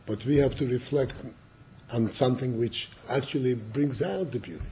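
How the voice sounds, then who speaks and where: An older male rabbi gives a slow, halting class, repeating words and clearing his throat. His voice is mellow and lowish. The recording is dull and lo-fi with a faint hiss. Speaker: rabbi teaching Chassidus.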